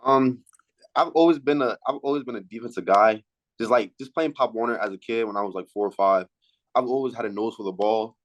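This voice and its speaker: A young man in his late teens, a high school athlete, answering casual interview questions in a halting way, repeating words as he thinks. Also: highs cut off. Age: late teens, high school senior.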